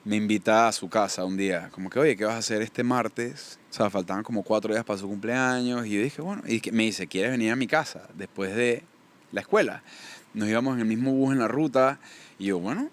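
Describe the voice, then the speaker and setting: A man's voice: on the low side, brisk. A young Panamanian man speaking with a Panamanian accent, a guest telling his life story in a casual podcast interview. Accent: Panamanian Spanish. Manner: storytelling, warm and faith-focused.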